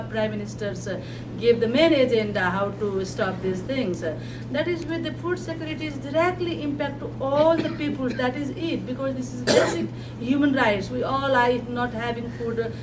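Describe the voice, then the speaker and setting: A Nepali woman with a slightly high voice gives a conference presentation as a panel speaker, talking haltingly with lots of fillers and restarts. She is picked up by a distant microphone in a noisy conference hall.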